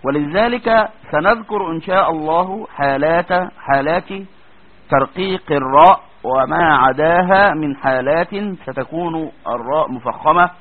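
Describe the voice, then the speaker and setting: Husky Egyptian man teaching recitation. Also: fairly high pitch, moderate pace. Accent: Egyptian Arabic. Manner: explains step by step, checks understanding with frequent questions. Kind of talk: classroom lecture. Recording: tinny lo-fi lecture recording.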